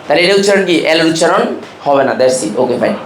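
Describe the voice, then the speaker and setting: Male chemistry teacher, Chittagong Bengali accent, higher pitch, quizzes the class, echoey classroom. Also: animated, quick pace, slight background noise. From Bangladesh. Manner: drills students with call-and-response questions and mnemonics. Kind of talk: classroom lecture.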